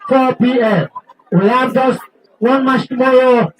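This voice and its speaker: Slow, high-voiced Nigerian football commentator. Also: male voice, far from the mic, crowd noise, rough recording. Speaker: match commentator.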